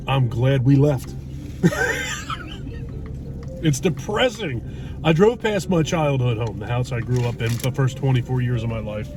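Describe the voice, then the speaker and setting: A middle-aged man chatting casually and bluntly as a food vlog host, rambling and cursing a little. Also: medium pitch. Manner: blunt, mildly profane, rambling. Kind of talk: casual chat. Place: inside a parked car in a driveway. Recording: noisy car interior with road hum.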